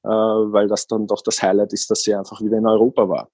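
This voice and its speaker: Husky man telling his story. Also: fairly low pitch, completely flat delivery, fast, warm tone, dry recording. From Austria. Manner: rambling, many fillers and restarts. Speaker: guest. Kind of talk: casual podcast interview.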